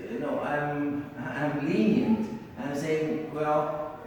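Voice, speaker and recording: A man teaching a classroom lesson, slowly repeating and drilling terms with his students. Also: on the high side, darkish tone. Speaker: tajweed teacher. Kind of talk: classroom lecture. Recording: echoey hall, mic far off, faint noise.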